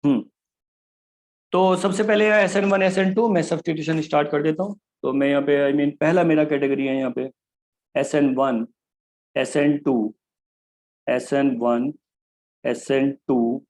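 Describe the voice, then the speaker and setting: A man lecturing on organic chemistry, his voice sitting a little high for a man. He talks to his students as kids and switches easily between Hindi and English terms. He slows right down whenever he spells out a key phrase. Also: steady tone, darkish tone, low-quality recording. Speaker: chemistry teacher. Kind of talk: classroom lecture.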